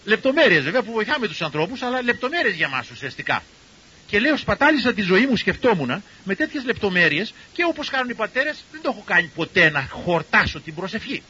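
Husky older man telling stories. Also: high-pitched, highs cut off. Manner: lively storyteller who acts out the people he quotes. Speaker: cardiologist and university professor giving a talk. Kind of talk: storytelling talk to an audience.

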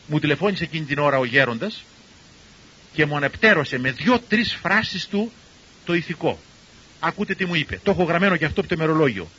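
Husky older man telling stories. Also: fairly high pitch, dull audio. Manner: lively storyteller who acts out the people he quotes. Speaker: cardiologist and university professor giving a talk. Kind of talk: storytelling talk to an audience.

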